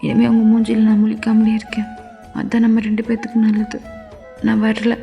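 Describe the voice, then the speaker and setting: A woman's voice: on the high side, monotone, fairly quick, warm tone, in a large hall, muffled recording, faint music behind, lightly acted. A woman voicing a hurt young wife who firmly refuses her husband in a fan-made audio story. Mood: refusing. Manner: wounded and firm.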